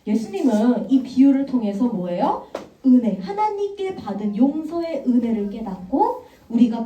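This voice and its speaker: A woman evangelist giving an animated children's sermon and quizzing the kids. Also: fairly high pitch. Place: church room. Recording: echoey room, mic far off.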